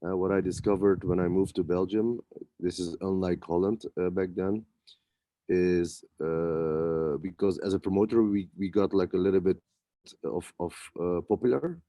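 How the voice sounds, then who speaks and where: A man, a club promoter, answering interview questions in a relaxed way with many pauses and restarts. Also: deep voice, no echo. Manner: hesitant, many fillers and restarts. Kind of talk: casual interview talk.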